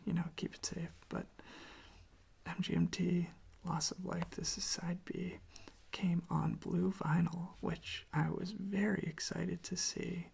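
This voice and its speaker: An ASMR host whispers softly in a breathy, husky voice at a medium pitch, rambling gently and casually in a hushed, informal way.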